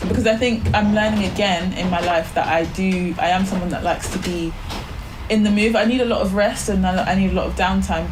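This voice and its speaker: A woman's voice: lowish voice, noisy background. A woman from Barbados, a podcast guest, talking casually and rambling, with lots of "like" fillers. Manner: chatty, many "like" fillers, rambling. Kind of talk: casual spiritual chat.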